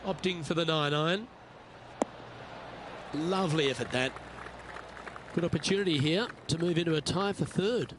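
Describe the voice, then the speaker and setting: A man playing a composed, encouraging golf commentator in a video game, calling play in measured, clipped phrases. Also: on the high side, natural voice. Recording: outdoor crowd and ambient noise behind.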